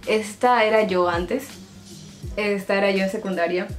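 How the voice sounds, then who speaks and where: A woman's voice: mid-range voice, steady tone, normal speed, soft background music. A young woman with a Peruvian accent talking casually to her viewers from her bedroom in a confiding vlog, joking in asides while she paints her nails. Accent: Peruvian Spanish. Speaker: vlogger.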